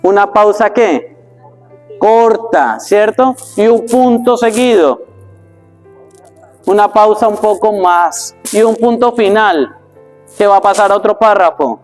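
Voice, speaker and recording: High-voiced priest teaching a workshop. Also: male voice, slow pace, pauses often, soft background music. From Colombia. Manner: explanatory, asks the audience rhetorical questions. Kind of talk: workshop teaching for church readers.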